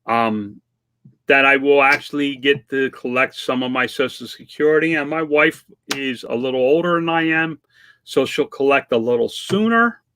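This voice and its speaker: His mid-range voice is pushed and bright with a clean tone, at a normal speed. This vlog host in his fifties chats casually and plainly while answering viewers' questions, self-deprecating throughout.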